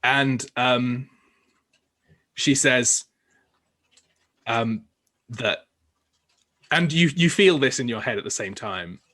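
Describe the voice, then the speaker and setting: A man narrating as game master of a tabletop game, halting with many fillers and restarts. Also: mid-range voice, bright, forceful tone. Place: home recording for a podcast.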